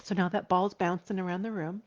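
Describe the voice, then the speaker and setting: A woman in her forties, a grief therapist, speaking earnestly to viewers, slowing down and dropping to a soft whisper for emphasis. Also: lowish voice, steady tone. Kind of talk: heartfelt talk to viewers. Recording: slightly dull lo-fi recording.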